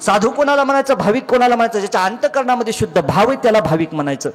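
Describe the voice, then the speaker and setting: High-voiced, animated comic kirtan preacher. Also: male voice, rapid-fire. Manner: animated storytelling, acting out each character; often addresses the crowd as maharaj and baba. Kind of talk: comedic devotional sermon.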